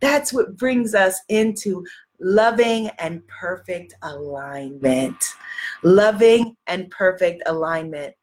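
This spiritual life coach's voice sits on the low side, slow and a little mellow, though she's sniffly from a cold. Hosting a motivational livestream, she's encouraging and emphatic, repeating affirmations and phrases for effect.

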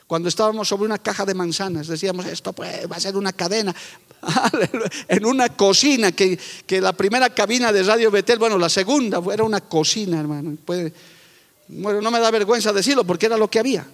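A middle-aged man preaching fervently as a pastor, moving between loud proclamations and quiet, confiding asides. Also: high-pitched, a little fast. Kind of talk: sermon. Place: church sanctuary with long reverb. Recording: echoey church hall.

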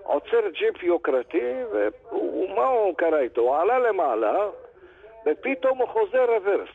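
A man's voice: high voice, gravelly, slightly rough. Older man telling a story on the phone. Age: older, a grandfather. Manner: animated storyteller acting out dialogue. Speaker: caller. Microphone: telephone. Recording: tinny phone line.

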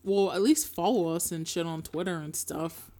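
A woman's voice: on the low side, moderate pace, warm tone. A woman in her twenties co-hosting a casual podcast with a blunt, dry, sarcastic manner, in a hard-walled apartment. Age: 20s. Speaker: podcast co-host. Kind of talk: casual chat. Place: apartment with hard concrete walls.

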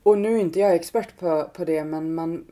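A woman hosting a podcast, talking in a relaxed, thoughtful way and speaking openly about her own struggles. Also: lowish voice. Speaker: podcast host. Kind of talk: casual podcast conversation.

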